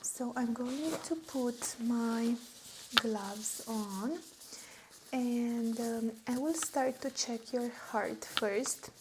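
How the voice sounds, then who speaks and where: A woman whispering a medical exam roleplay in a slow, gentle, reassuring way. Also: fairly high pitch, background noise. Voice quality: soft whispery. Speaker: ASMR roleplay nurse.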